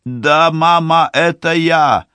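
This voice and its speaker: A man voicing a desperate young woman who shouts and pleads tearfully for her mother in an audiobook. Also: on the high side, slow, smooth, no echo, clean studio sound, pitched above the performer's own voice. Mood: desperate shouting. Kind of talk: audiobook character voice.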